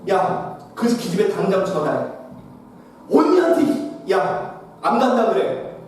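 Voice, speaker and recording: A man voicing a bossy young husband who scolds in loud, rapid-fire orders, recorded in an echoey hall from a distant mic. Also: sits high, very animated, slight background noise, full character voice. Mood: scolding.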